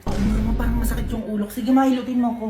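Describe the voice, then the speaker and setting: A woman's voice: on the high side, fairly even intonation, rapid-fire. A woman playing a child in a comedic skit, answering her mother in an offhand way. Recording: echoey room with music.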